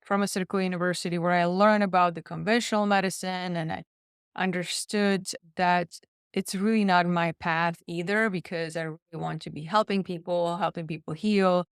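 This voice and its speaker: A woman's voice: on the low side, fairly even intonation, normal speed, clean tone, no echo, studio quality. A woman from Slovakia, a podcast guest telling her personal story in an earnest, reflective way. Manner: earnest, reflective, repeats words while thinking. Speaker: guest, nutritionist and pharmacist.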